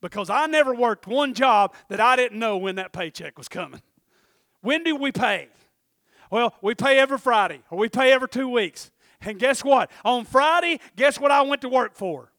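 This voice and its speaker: A middle-aged man delivers a sermon in a high, ringing voice at normal speed, staying animated throughout. He alternates between shouted urgency and quiet, personal asides. The recording is close and dry, with no echo or room around it.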